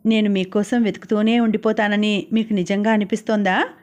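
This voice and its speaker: A woman's voice: mid-range voice, flat delivery, fairly quick, lightly acted. A woman reading a teasing young man. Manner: playful, gently teasing. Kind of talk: audiobook character reading.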